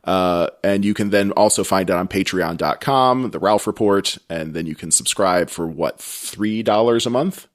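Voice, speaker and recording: A male podcast host with a lowish voice chats in a loose, rambling way, letting sentences trail off quietly. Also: normal speed, few pauses. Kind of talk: casual chat.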